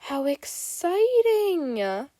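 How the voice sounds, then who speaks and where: A woman's voice: on the high side, animated, takes it slowly, dry recording. A woman voicing a playful, taunting teenage boy thief who mocks his pursuer. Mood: teasing. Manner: teasing, sing-song taunts.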